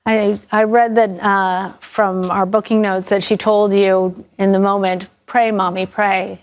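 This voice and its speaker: Mid-pitched woman news anchor interviewing. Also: flat delivery, unhurried. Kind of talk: live television news interview.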